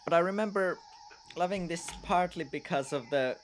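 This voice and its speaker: A man's voice: a little high, normal speed, a little hiss or hum. Rambling man playing a game. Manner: rambling, hesitant, self-deprecating. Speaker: gaming video host. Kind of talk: casual let's-play commentary.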